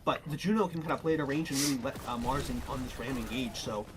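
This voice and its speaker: A man in his twenties doing color commentary for a college esports final, excitable and rambling with fillers. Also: medium pitch, fast talker, a little hiss or hum. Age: 20s.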